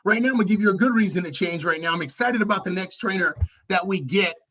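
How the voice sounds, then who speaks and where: A man hosting a group sales training call, energetic as he hypes up the team and introduces each trainer. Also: sits high, fast talker, slightly rough, highs cut off.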